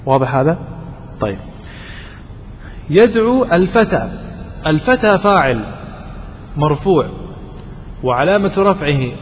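A man with a fairly high voice teaches grammar as a sheikh. He puts questions to his students and drives each point home by repeating it. His voice carries through a reverberant hall over a faint background hiss. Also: big pitch swings, unhurried, pauses often. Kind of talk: classroom grammar lesson. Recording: echoey hall with faint noise.

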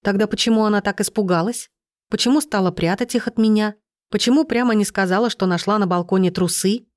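A woman's voice: mid-range voice, fast, no echo, studio quality, natural voice. A woman voicing a young pregnant woman in a storybook, trembling and pleading. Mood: bitter.

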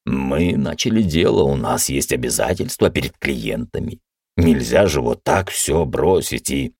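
A man voicing a calm, devoted male dragon in human form who speaks evenly and soothingly. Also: a little slow, gravelly, slightly rough, no room sound, clean studio sound, exaggerated voice. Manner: even, soothing, low-key.

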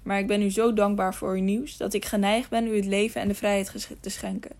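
Woman voicing grim knight, man, sharp commanding tone, mid pitch, storybook reading. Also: level tone, a little fast, lightly acted. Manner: sharp, stern questioning. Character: stern grey knight, grown man, commanding.

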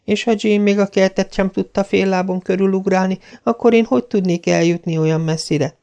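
Voiced by a man in a raised voice, a dramatic young girl speaks solemnly and theatrically. The tone is dark and gravelly, set well above his own register for a storybook heroine. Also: sits high, steady tone, lo-fi sound, pitched above the performer's own voice. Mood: pained. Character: dreamy dramatic girl, about eleven.

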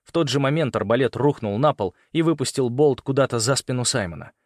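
Male audiobook narrator, mid-pitched voice, measured dramatic delivery, dry close sound. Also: expressive, dry recording. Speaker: audiobook reader.

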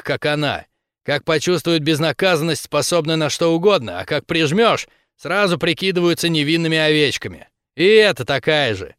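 A man's voice: a little high, fairly bright tone, clean tone, no room sound, clean studio sound. Man doing a snarling, tough woman fighter. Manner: barking, snarling threats. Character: tough, harsh woman fighter, threatening and scornful.

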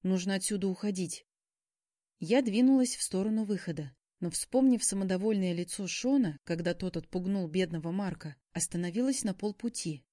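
A woman narrating a first-person story, giving the heroine a lively, heated delivery. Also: medium pitch, normal speed, no room sound, studio quality.

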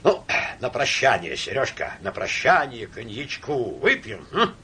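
A man's voice: medium pitch, sing-song, measured pace, bright, forceful tone, slight background noise. A man voicing a tipsy, sentimental young count who rambles and wheedles in his drunk talk. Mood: tipsy rambling.

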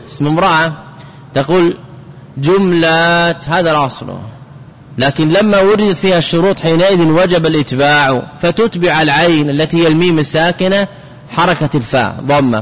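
A man giving a classical Arabic grammar lesson, explaining slowly, repeating example words and asking rhetorical questions. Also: on the high side. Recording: dull audio with long hall reverb.

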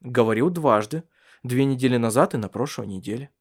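A man's voice: mid-range voice, brisk, close to an everyday voice. A man voicing a wry, stubborn bedridden husband in an audiobook, talking dryly and curtly. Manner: dry, curt, teasing. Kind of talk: audiobook character reading.

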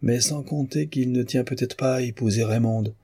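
A man's voice: mid-range voice, fairly even intonation, normal speed, mellow, husky, no room sound, clean studio sound, pitched above the performer's own voice. A man voicing a bitter, mocking male painter in an audiobook of a novel. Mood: scornful. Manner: sneering, sarcastic.

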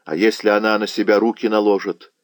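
A man's voice: on the low side, flat delivery, quick pace, no room sound, natural voice. A man voicing a fierce, lovesick Cossack chieftain in an audiobook, speaking with passion and anguish.

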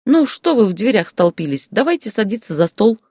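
A man's voice: high voice, animated, fairly quick, dark tone, no room sound, studio quality, pitched above the performer's own voice. A man doing a fussing older mother-in-law.

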